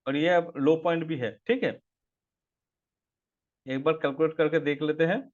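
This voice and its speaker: High-voiced man teaching a trading class. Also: fairly even intonation, measured pace, lo-fi sound. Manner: explains step by step, reading chart figures aloud; asks the audience to answer. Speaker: stock market trainer. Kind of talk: live online trading class.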